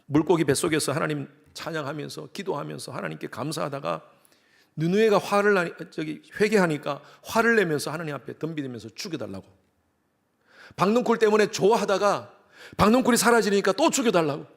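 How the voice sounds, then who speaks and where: A man's voice: on the high side, a little fast, gravelly. A middle-aged man from Korea, a pastor preaching a sermon in a church and acting out quoted voices with animation. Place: church sanctuary.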